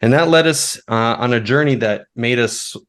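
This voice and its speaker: A man in his thirties, a guest on an interview podcast, telling long stories in a relaxed, easygoing way. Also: medium pitch, normal speed. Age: 30s. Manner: relaxed, storytelling, now and then laughing. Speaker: guest, foraging expert. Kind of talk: conversational interview.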